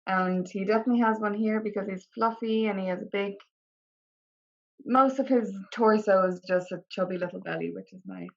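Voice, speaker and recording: A woman with an Irish accent chatting informally as an interview guest, often softening what she says with "kinda" and "like". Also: mid-range voice, fairly quick, creaky, muffled recording. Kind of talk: casual interview conversation.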